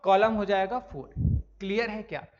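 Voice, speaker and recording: A man's voice: high voice, normal speed. A man teaching a maths lesson, asking and answering his own questions and often repeating key points. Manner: calls students "sir", "bhai". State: coughing now and then. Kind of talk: classroom lecture. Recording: dull lo-fi recording.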